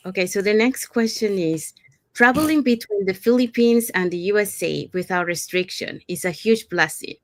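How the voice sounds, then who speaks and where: A woman's voice: medium pitch, normal speed, dry recording. A woman reading out prepared interview questions in a plain way. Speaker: question reader.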